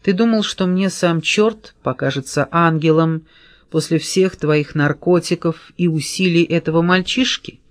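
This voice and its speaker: A woman reading an audiobook, voicing a desperate young woman who shouts defiance and pleads for help. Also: deep voice, dry recording, studio quality.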